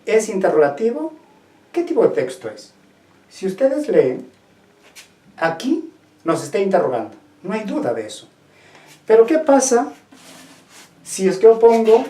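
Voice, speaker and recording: A teacher explains a language lesson in a mellow, warm voice that swings up and down with emphasis. The teacher checks understanding with questions to the class and restates each point. The recording carries a noticeable roomy echo. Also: medium pitch. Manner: asks the class questions and repeats key points.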